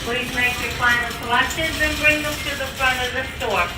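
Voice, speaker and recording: A woman making a slow, measured closing-time announcement over a supermarket loudspeaker. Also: high voice, fairly even intonation. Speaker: store announcer. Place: large supermarket indoors. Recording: very echoey loudspeaker from far off, loud store noise.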